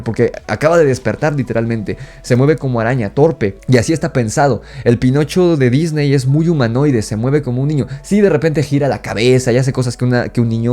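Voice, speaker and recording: A man with a Mexican accent giving an animated, casual film review, rising in pitch when indignant.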